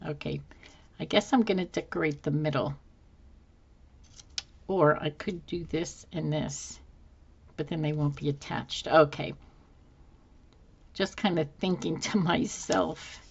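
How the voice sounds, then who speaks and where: At her desk indoors, a planner decorating channel host muses aloud to herself with fillers while crafting, unhurried and slightly hoarse as if losing her voice. Her voice is low, and the lo-fi sound comes from an overhead camera showing only her hands.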